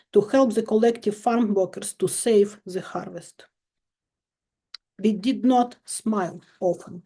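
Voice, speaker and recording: A woman in her fifties from Ukraine, a chemistry professor giving a measured, emphatic recorded lecture with dry irony. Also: on the high side, dark tone.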